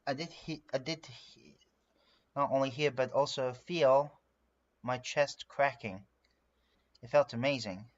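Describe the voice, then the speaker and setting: A man's voice: medium pitch, measured pace, pauses often, lo-fi sound. A man from France, a native French speaker, chatting casually on a livestream as he works on a drawing, rambling with lots of fillers and narrating what he does. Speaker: streamer. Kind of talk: casual live-stream chat while drawing.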